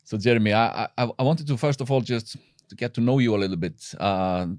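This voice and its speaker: Stammering Icelandic podcast host. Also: male voice, mid-range voice, fairly quick, a little mellow, no echo, clean studio sound. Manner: stammers and repeats words, friendly questions. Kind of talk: casual interview chat.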